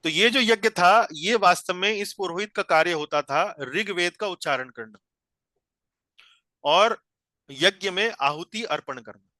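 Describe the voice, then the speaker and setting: A man's voice: sits high, a little slow, bright, forceful tone, no room sound. A man teaching a scripture study class over a video call, explaining each point patiently and repeating phrases as he guides a reader.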